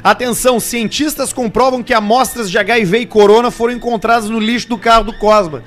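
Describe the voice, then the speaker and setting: A man's voice: very high voice, a little fast, a bit bright. A man reads viewer messages aloud on a podcast. He sounds tipsy and joking. Faint music plays behind him. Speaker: podcast co-host reading superchats. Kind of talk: casual banter.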